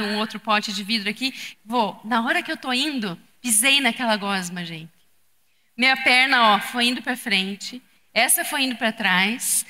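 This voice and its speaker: A middle-aged woman giving an animated testimony sermon, speaking straight to a church audience. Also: high voice. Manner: animated storytelling, addresses the audience directly. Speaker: speaker at a women's church gathering. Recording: long hall reverb.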